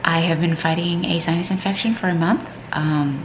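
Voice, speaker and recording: Speaking at a moderate pace with fairly even intonation, a woman with a fairly low pitch rambles through a casual morning vlog at home, using "um" and "like" often. She's a mom and triathlete with a stuffed-up nose. Background noise, a roomy sound and clear music sit under her voice.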